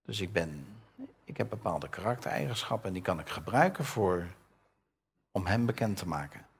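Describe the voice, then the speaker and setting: A man's voice: low voice, animated, moderate pace, gravelly, breathy edge. An older man preaching a conversational sermon, reading Bible verses aloud and asking his listeners questions. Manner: conversational, asks the audience questions; reads scripture with raised voice.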